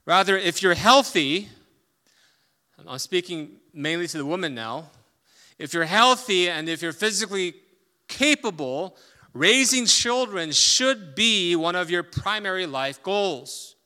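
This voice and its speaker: A man's voice: sits high, lively intonation, unhurried. Emphatic male pastor preaching in a hall. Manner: emphatic, swings from loud stresses to quiet asides. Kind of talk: sermon.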